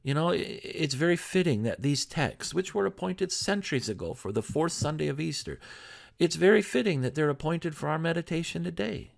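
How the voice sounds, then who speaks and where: A man's voice: on the high side, animated, brisk, vocal fry. A man pastor giving a sermon in a conversational preaching style, full of rhetorical questions.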